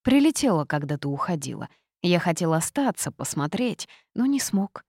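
A woman's voice: lowish voice, sing-song, normal speed, a little mellow, no echo, clean studio sound. A woman voicing a stern male demon who lectures and threatens, in an audiobook. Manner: lecturing, droning.

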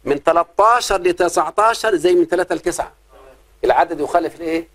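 A man's voice: a little high, fairly bright tone. A man with an Egyptian accent teaching an Arabic grammar lesson to a class, often stopping to quiz his students and stretching out his example phrases. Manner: questioning, drawn-out examples.

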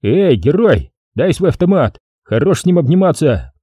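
A man playing a gruff mocking riot cop. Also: on the high side, sing-song, normal speed, warm tone, no room sound, clean studio sound, pitched above the performer's own voice. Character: rough, cocky male riot-police fighter.

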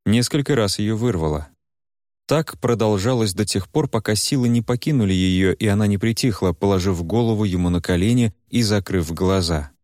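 A man narrating a novel in an even, measured reading. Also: fairly low pitch, no room sound, clean studio sound. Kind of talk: audiobook narration.

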